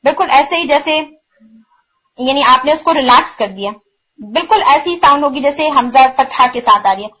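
Teaching tajweed online, a woman speaks in a high, animated voice with a sharp tone. Her patient explanations of recitation pronunciation include slowly elongated, repeated example sounds and scattered English words. The recording is a little muffled and lo-fi.

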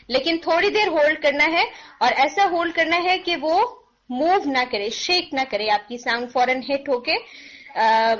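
High bright woman with a sore throat. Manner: patient, demonstrates sounds by drawing them out. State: sore throat, clearing it often. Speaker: Quran recitation teacher. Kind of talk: online pronunciation lesson. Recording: dull lo-fi recording.

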